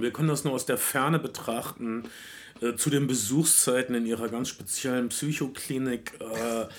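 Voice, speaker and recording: A man co-hosting a podcast in casual chat, opinionated and sardonic, often restarting his sentences. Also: mid-range voice. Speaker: podcast co-host.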